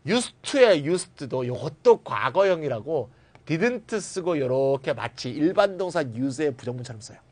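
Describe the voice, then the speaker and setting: A middle-aged man with a fairly high, slightly slow voice delivers a recorded grammar lecture. He's lively, moves between formal and casual speech, acts out short everyday lines, and keeps asking his students to confirm they follow.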